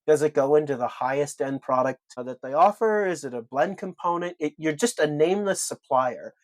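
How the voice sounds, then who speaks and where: A man's voice: a little high, lively intonation, normal speed, no echo. A man co-hosting a podcast, laying out his argument point by point with emphasis. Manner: emphatic, builds arguments in lists. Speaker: podcast co-host.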